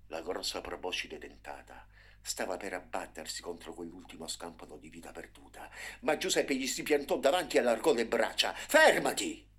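Husky low-voiced male storyteller. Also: brisk. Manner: expressive, dramatic reading with hushed passages. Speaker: narrator. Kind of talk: storybook narration.

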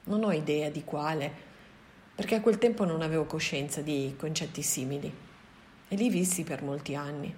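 Calm gorilla teacher, read by a woman. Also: low voice, normal speed, a little hiss or hum, close to an everyday voice. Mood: calm, explaining. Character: wise male gorilla teacher, calm and measured.

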